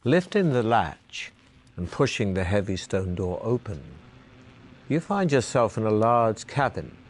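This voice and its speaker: A man narrating a fantasy gamebook adventure in the second person, in a measured storytelling manner. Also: lowish voice, a little hiss or hum.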